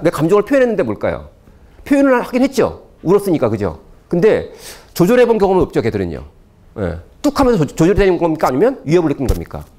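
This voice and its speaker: A man giving a lecture to parents, constantly firing rhetorical questions at the audience. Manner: animated, swooping pitch.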